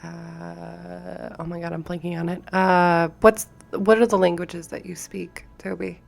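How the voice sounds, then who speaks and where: A woman's voice: lowish voice, little pitch movement, measured pace, vocal fry, faint music behind. A woman narrating a tabletop role-playing game as the game master.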